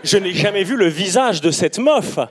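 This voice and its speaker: A man's voice: high-pitched, expressive, moderate pace, breathy edge. A man doing stand-up in a rambling, stammering, crude way. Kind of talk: stand-up comedy.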